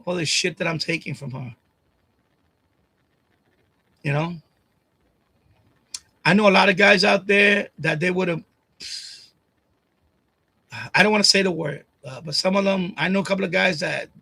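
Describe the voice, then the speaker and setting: A man in his late fifties vents to his livestream audience in a high, bright voice, swearing freely and circling back to the same lines. He talks close into a desk microphone at home, and the sound is dry, with almost no room echo. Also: creaky. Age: 50s. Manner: rambling, profane, repeats phrases, voice rises when upset. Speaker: livestream host. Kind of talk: emotional personal rant. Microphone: desk USB condenser microphone.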